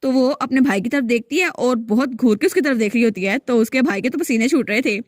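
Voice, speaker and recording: A woman narrating a comic story recap in a lively, conversational way. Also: on the high side, a little fast, no room sound, studio quality.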